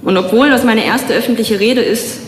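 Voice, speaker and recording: A woman's voice: a little high, slight background noise. Young woman speaking in an echoey hall. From Germany. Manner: earnest, measured storytelling with slow emphatic pauses. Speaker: speaker giving a public talk. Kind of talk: personal spoken-word speech. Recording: echoey hall with long reverb.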